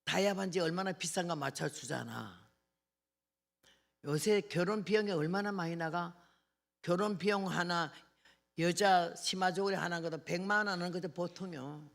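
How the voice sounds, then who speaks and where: A woman's voice: on the low side, normal speed, creaky. An older woman preaching at a revival meeting, telling folksy anecdotes and acting out dialogue. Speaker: missionary preacher.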